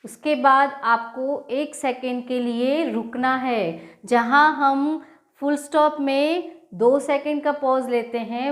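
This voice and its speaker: A woman teacher explaining a grammar lesson to children, patiently reading out example sentences word by word. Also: high-pitched.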